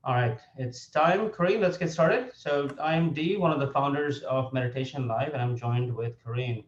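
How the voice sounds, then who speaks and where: A man's voice: mid-range voice, moderate pace. A man hosts a live online session in a casual, informal style. He sounds a little hesitant as he introduces things. The room is strongly echoey and the audio slightly dull and lo-fi. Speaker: host and company founder.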